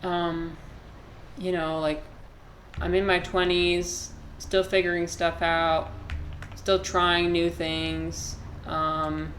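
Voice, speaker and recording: A woman's voice: lowish voice, level tone, drawn-out words, a bit bright, slight background noise. A woman in her twenties chatting casually with her viewers while she plays a game, rambling, swearing freely and answering chat comments. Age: 20s. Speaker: live streamer playing a video game.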